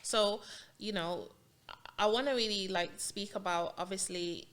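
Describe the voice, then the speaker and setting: A woman's voice: medium pitch, a little slow, a bit bright. A woman hosting an interview podcast, chatty and upbeat, who repeats words for emphasis and asks open questions. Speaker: host.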